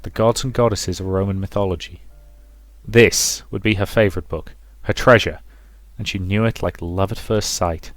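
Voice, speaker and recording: This let's play host has a deep, steady voice at a normal pace, switching between casual commentary and reading a visual novel's story aloud. Game music plays behind him in a roomy, echoing space.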